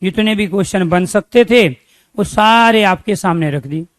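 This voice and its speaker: High-voiced man drilling a grammar lesson. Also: normal speed, no echo, studio quality. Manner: asks students questions and answers them himself; repeats key terms for drilling. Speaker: teacher.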